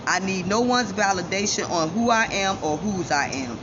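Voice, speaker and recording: A woman's voice: mid-range voice, expressive, moderate pace. A woman from giving a defiant, self-assured personal monologue straight to viewers, her speech shaped by missing front teeth. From Chicago, United States. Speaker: vlogger. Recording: dull lo-fi sound, loud ambient noise.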